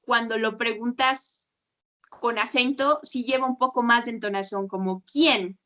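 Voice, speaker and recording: A woman's voice: a little high, fairly even intonation, moderate pace, bright, forceful tone. A woman tutoring Spanish on a video call, patiently explaining pronunciation with examples. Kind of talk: one-on-one language lesson.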